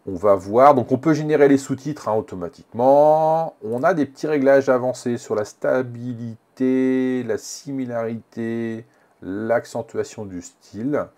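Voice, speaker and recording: A man presenting a casual software tutorial, thinking aloud with many fillers and restarts. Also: mid-range voice, a little slow.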